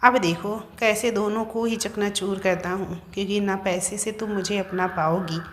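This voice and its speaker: A lady reading out a mean young husband in a story, taunting and threatening, mid pitch. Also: fairly even intonation, moderate pace, slight background noise, lightly acted. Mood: menacing. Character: scheming young husband, cruel and mocking.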